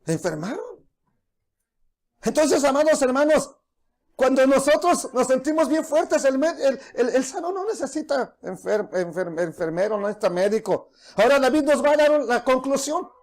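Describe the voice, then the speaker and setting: A middle-aged pastor delivers a sermon to his congregation. He keeps breaking into small acted-out dialogues, dropping to a hushed, low voice for the people he quotes. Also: very animated, moderate pace.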